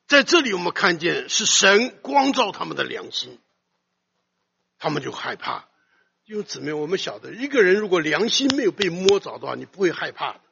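A man preaching a sermon, swinging between loud emphasis and soft low asides and putting questions to his listeners. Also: creaky, slightly rough. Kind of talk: expository sermon. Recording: dull lo-fi recording.

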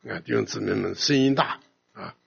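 An older man preaching a sermon in a loud, emphatic voice. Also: lowish voice, a little fast, gravelly, husky. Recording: long hall reverb, dull lo-fi sound.

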